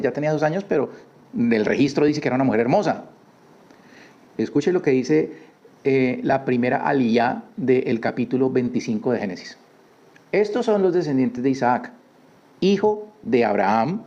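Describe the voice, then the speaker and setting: Guy from teaching a bible study, warm mellow voice, kinda dull lo-fi sound, repeats himself and keeps asking "ya?". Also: mid-range voice. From Colombia. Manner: conversational, repeats words, asks listeners rhetorical questions. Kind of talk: informal Torah portion teaching.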